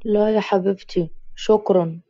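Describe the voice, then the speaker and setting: A woman with an Egyptian accent voicing a kind old grandfather who speaks gently and fatherly. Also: mid-range voice, steady tone, moderate pace, dry recording, highs cut off, close to an everyday voice. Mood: gentle.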